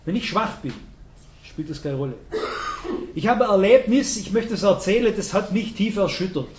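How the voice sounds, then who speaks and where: An older man preaches, his voice high. He tells his story earnestly and leans into emphatic rises. The recording is roomy and dull, like a hall. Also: animated, normal speed. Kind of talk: sermon.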